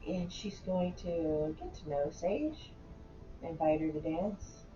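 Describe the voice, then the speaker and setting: A woman's voice: lowish voice, slow, mellow, roomy sound, dull audio, slight background noise. A woman casually commenting on her game play with chatty, wry asides. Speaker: gaming channel host.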